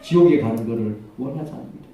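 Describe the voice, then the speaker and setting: A male pastor preaching a sermon, telling a story in a lively, chuckling way. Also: medium pitch, fast, slight background noise. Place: church sanctuary. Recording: echoey church hall from far off.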